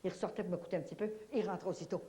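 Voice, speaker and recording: Speaking rapidly in a lowish voice, a woman with a Québécois French accent shares her religious testimony with an audience. She tells her story in an animated, folksy manner, sprinkled with little fillers.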